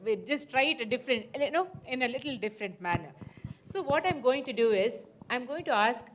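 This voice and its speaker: A woman's voice: a little high, expressive, brisk, slight background noise. A woman moderating a live panel informally, chatty and playful with frequent asides. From Mysore, India.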